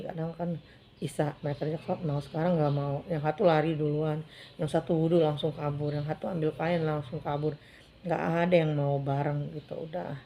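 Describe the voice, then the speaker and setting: A woman's voice: low voice, dark tone, a little hiss or hum. A woman telling a heartfelt story from her own life in a casual, chatty way, acting out what others said. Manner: chatty and heartfelt, acts out quoted speech.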